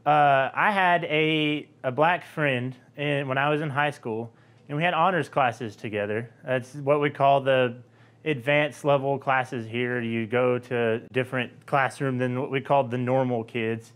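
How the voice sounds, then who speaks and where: A young man with a faint, softened Southern lilt talks through a linguistics idea in a loose, conversational manner. He pauses on little ums and uhs as he thinks, keeping the pitch in an ordinary middle range. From Georgia, US. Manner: relaxed, conversational, frequent filler ums. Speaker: linguistics video host. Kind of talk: explanatory talk to camera.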